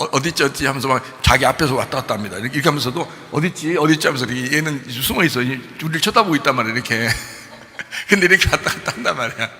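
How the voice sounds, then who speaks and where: A man preaching a sermon as pastor, lively and acting out little scenes and voices as he teaches. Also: medium pitch, vocal fry, in a large hall, a little hiss or hum. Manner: animated, acts out voices of adults and God. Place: church sanctuary.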